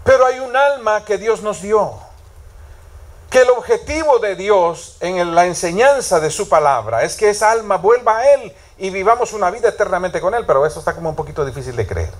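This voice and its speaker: A man delivers a sermon in a high-pitched voice. He tells stories and often turns to ask his listeners questions. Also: animated, brisk. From Latin America. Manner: storytelling, asks the congregation questions. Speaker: preacher.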